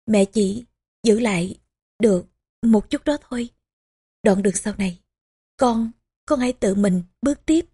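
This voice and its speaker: A woman reading the lines of a frail, dying elderly mother in a historical audiobook, with weak, trembling, halting speech. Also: medium pitch, warm tone, slightly rough, dry recording. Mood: tender, faint.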